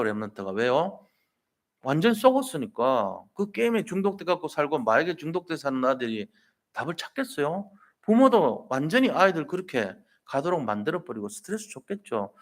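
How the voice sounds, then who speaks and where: A man's voice: a little high, big pitch swings, fairly quick. A man preaching a Sunday sermon in a colloquial storytelling way, pressing his listeners with emphatic rhetorical questions. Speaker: pastor.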